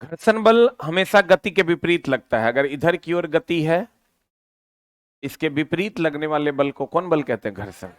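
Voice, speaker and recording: A man leads a physics class in a lively way, constantly throwing questions back at his students. His voice is high and smooth, his pace unhurried. The recording is dry and close, with no sense of the room.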